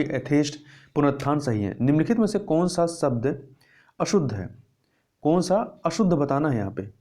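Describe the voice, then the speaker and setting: A man's voice: fairly high pitch, warm tone. A man teaching Hindi grammar, going through test answers and repeating words to stress the correct spelling.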